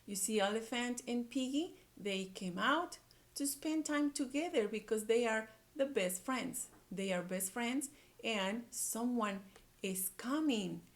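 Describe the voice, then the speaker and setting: In a fairly high, expressive voice and at an unhurried pace, a woman teaches young children through a read-aloud lesson. She works as an early-grade reading teacher, repeating words and phrases and prompting the class with questions.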